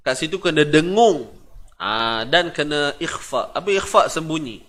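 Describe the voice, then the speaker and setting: A man's voice: on the high side, animated, a little slow, a bit bright. A man with a Malaysian Malay accent teaching tajwid, breaking words into syllables and chanting verses, asking his listeners questions as he goes. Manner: patient, repeats syllables, asks the class questions. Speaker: Quran recitation teacher. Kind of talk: tajwid lesson with chanted recitation.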